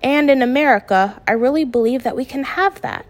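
A woman narrating a storybook voices a calm, practical middle-aged father who talks in a measured, gently firm manner and comes across as steady and reasonable. She pushes her voice up to a high pitch that stays close to an everyday voice.

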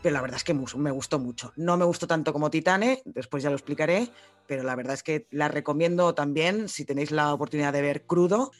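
A woman's voice: low-pitched, fast talker, soft background music. Sex: woman. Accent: Spain. Role: chatty film podcast co-host. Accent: Spain Spanish. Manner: chatty, explains and jokes freely. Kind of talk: casual film podcast chat.

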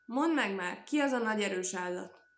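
A woman voicing a kindly, gracious hostess who has a polite, flattering word for everyone, in an echoey room. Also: medium pitch, natural voice. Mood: curious.

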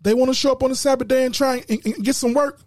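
Fiery high-voiced male preacher. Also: steady tone, fast talker, no echo, studio quality. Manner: fiery, shouting, stammers and repeats words. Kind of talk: impassioned sermon.

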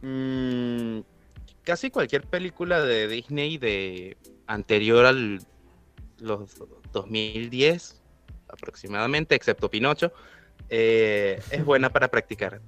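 A man with an ordinary mid-range voice talks through a casual podcast conversation. He explains calmly and patiently, and laughs easily. Faint music sits underneath. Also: medium pitch, measured pace. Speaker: voice actor guest.

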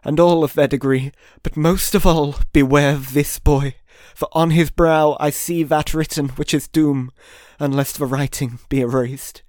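A man voicing a stern, sorrowful male spirit with a solemn way of speaking that rises into loud warnings, in an audiobook reading. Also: on the high side, fairly even intonation, unhurried, hardly any pauses, no room sound, studio quality, lightly acted.

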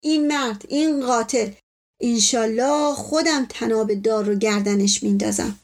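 An enraged middle-aged father, put on by a woman reading the story, hurling loud accusations. The voice sits fairly high. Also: natural voice. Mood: furious.

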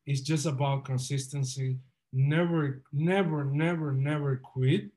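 On a casual podcast, a young guest entrepreneur from the Dominican Republic recounts his story with earnest, upbeat motivation. His voice is fairly high and mellow, and he speaks a bit slowly.

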